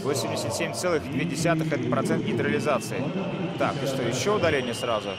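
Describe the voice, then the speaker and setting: A man's voice: medium pitch, fast talker, over a noisy crowd. A man giving live hockey play-by-play commentary in short phrases that follow the play.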